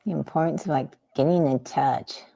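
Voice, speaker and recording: Her low voice is gravelly and warm, delivered at a moderate pace. As a livestream host and spiritual artist from the San Francisco Bay Area, she paints in her daylight-lamp-lit home studio, chatting casually and meandering between the canvas and comments.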